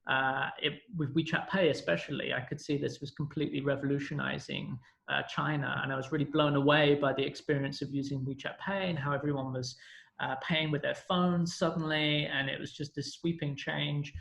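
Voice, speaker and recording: Brisk and creaky, with fairly even intonation and a fairly bright tone on the high side, this Londoner in his thirties is a podcast guest telling his story in a rambling, self-correcting manner. It's a casual storytelling interview recorded in an echoey room.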